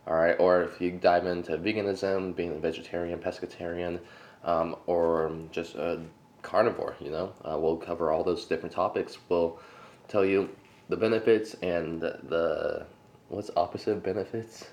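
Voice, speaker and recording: A man's voice: low-pitched, steady tone, normal speed, darkish tone. A man co-hosting a casual fitness podcast, rambling with fillers, laughing and eating between thoughts. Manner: rambling, many fillers and restarts; talks while eating, laughs often. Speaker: podcast co-host.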